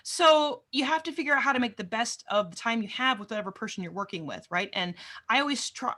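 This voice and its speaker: Fast-talking bright woman guest. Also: mid-range voice. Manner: talkative, jokey, enthusiastic. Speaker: podcast guest, cloud advocate. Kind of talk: conversational interview.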